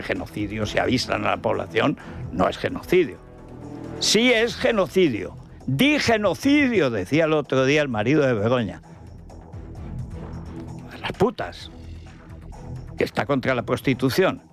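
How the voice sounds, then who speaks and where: A radio host with a Spain Spanish accent delivers a combative, scornful monologue, firing off rhetorical questions. His voice is gravelly and his pitch swings widely. Faint music plays in the background. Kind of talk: opinion monologue.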